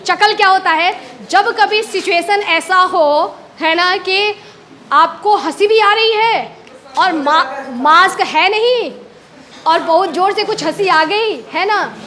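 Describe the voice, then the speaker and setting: Woman, very high voice, Indian accent, teacher, classroom lesson, playful. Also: slow pace. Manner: lively, playful, acts out laughs.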